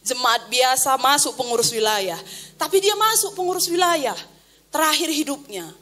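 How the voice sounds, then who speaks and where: A woman pastor preaches in a high, bright voice. She tells personal stories with vivid swings from loud exclamations to hushed asides. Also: animated, normal speed. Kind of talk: sermon.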